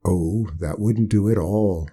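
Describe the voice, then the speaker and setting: A man's voice: dark tone, slightly rough. Death, played by a man as a weary bureaucrat. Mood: fussy. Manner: low, measured and officious.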